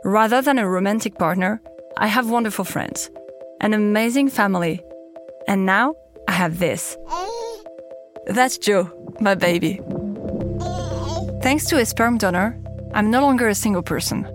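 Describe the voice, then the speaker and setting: A woman's voice: medium pitch, measured pace, pauses often, music in the background. A woman in her thirties with a French accent, host of a podcast, telling her own story in candid scripted narration. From France. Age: 30s.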